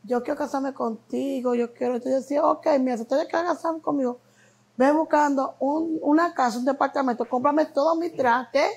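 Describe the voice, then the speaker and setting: A woman's voice: high voice, steady tone, brisk, darkish tone, poor audio. A Dominican woman with a Dominican Spanish accent, a guest in an interview, telling stories expressively with laughs and acted-out quotes. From Dominican Republic. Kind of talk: animated storytelling chat.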